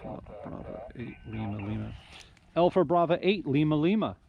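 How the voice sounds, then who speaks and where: A man outdoors in the cold making a ham radio call, slowly spelling phonetic call signs and giving signal reports. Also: on the high side, expressive, creaky, highs cut off, slight background noise. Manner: slow, deliberate phonetic spelling. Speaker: ham radio operator and video host. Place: outdoors in a park in winter.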